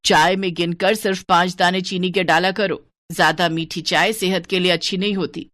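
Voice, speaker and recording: Woman voicing a miserly old mother-in-law, bossy, scolding, low voice, dry cartoon sound. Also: steady tone, normal speed, fairly bright tone, dry recording, natural voice. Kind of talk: cartoon voice acting.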